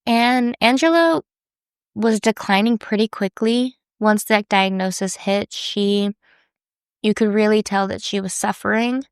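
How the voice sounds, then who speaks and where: A woman with a stuffy, congested voice tells a true crime story in a relaxed, chatty way, and the tone underneath still comes through smooth and clear. The sound is dry and close, with no room around it. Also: mid-range voice, measured pace, dry recording. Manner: conversational, with fillers and restarts. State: congested from a cold. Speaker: podcast host.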